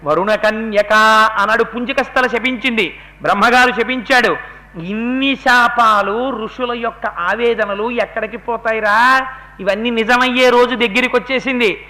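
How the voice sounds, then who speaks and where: A man's voice: very high voice, moderate pace, sharp tone. A man giving voice to a proud, defiant demon king while telling a sacred story, in a boastful, commanding way. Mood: brooding.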